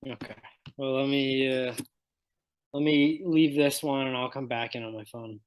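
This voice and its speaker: A man's voice: mid-range voice, steady tone, unhurried, clear, resonant tone, no echo. Guy on a glitchy laptop call, voice cutting in and out, chatty and apologetic. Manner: apologetic, fumbling with his devices. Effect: voice breaking up over a bad call connection. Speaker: podcast co-host. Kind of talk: casual chat. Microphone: laptop video call.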